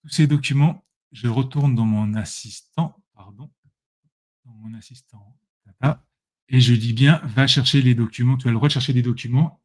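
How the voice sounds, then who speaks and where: A man's voice: mid-range voice, a little mellow. Male presenter, casual screen-share tutorial, chatty and self-correcting, addresses viewers directly. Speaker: presenter demonstrating software.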